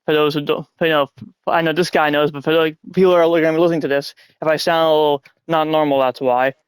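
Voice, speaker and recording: A man with a stuffy nose, coming down with a cold, hosts a casual wrestling review podcast from home. His fairly high voice is level, fast, clear and resonant, with no echo. He rambles sarcastically and often sounds annoyed.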